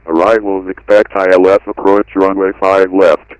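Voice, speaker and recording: Deep male automated airport weather broadcast. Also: normal speed, smooth, no room sound, rough recording. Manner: even, clipped reading of numbers and phrases. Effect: automated airport weather broadcast over radio. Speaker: automated airport information recording. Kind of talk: flat recited weather and runway report.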